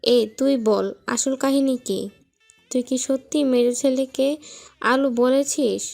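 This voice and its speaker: A woman's voice: sits high, slow, gravelly, a little mellow, full character voice. A woman playing a domineering aunt who scolds and threatens a servant girl. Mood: scolding. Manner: scolding, contemptuous. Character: harsh domineering aunt of the household.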